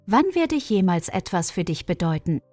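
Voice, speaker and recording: A woman's voice: on the low side, big pitch swings, moderate pace, a little mellow, no echo, soft background music. Woman reading as a nagging young wife. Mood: reproachful. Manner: complaining, reproachful. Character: nagging, insistent young wife in her thirties.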